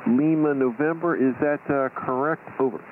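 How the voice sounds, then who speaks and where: A man's voice: mid-range voice, moderate pace, phone-quality sound. A man running an amateur radio net as net control, reading call signs in the phonetic alphabet with many uh fillers, heard as a ham radio transmission with static. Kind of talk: radio net check-ins.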